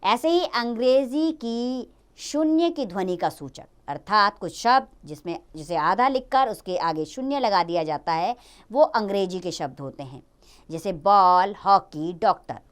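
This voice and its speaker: Clear-voiced woman teaching grammar to children. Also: mid-range voice, expressive. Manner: slow, drawn-out teaching of each letter and sound.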